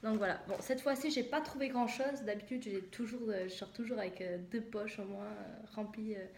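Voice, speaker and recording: A woman's voice: medium pitch, fairly even intonation, a little fast, a little mellow. A young woman from southwest France chatting casually in a haul video, hesitant and full of fillers. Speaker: vlogger. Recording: echoey room with noise.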